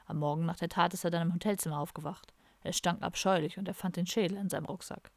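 A woman voicing an older male heavy-metal drinker who speaks low and hushed, matter-of-fact. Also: steady tone, quick pace, dry recording, lightly acted.

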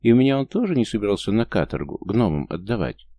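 A man's voice: on the low side, very animated, fast talker, dark tone, dry recording, pitched above the performer's own voice. Man voicing a tearful young princess. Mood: upset, accusing. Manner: pleading, distressed, accusing. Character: young princess, pregnant wife, frightened and tearful. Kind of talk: audiobook character reading.

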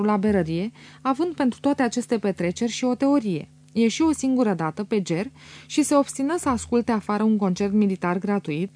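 A woman reading a novel as an audiobook in an even, measured way. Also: medium pitch. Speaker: audiobook reader. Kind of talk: scripted audiobook narration.

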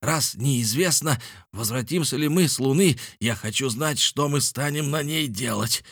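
A man voicing a quarrelsome, contrary male captain who shouts argumentatively in an audiobook. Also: medium pitch, moderate pace, breathy edge, dry recording, clean studio sound, pitched above the performer's own voice. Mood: demanding.

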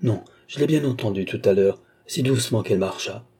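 A man's voice: fairly low pitch, a little fast, dark tone, husky. A man reading a novel aloud, voicing a caring young brother who questions his sister in surprise. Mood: puzzled.

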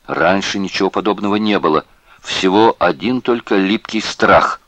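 A man narrates an audiobook in a grave, measured way. His voice sits very low. The recording is dry and close, with no room sound. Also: a bit bright, no echo. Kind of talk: scripted narration.

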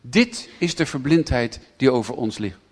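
A man preaching a sermon to a gathered audience, speaking directly to them and swelling to near shouts when he reads scripture. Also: mid-range voice, animated, moderate pace. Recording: reverberant hall recording.

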